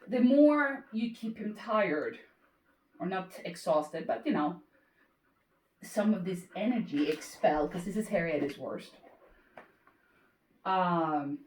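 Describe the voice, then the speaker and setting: A woman's voice: on the low side, expressive, slow, pauses often, a little mellow. A woman dog trainer talking casually through a training session, explaining while breaking off to praise and cue the dog. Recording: roomy, distant mic, faint noise.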